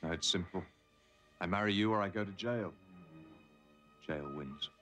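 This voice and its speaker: A man's voice: low-pitched, normal speed, bright, forceful tone, soft background music. An actor playing a cool, curt, defiant man in a television soap drama. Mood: cold, defiant. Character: cold, defiant, controlled man rejecting a blackmailing lover.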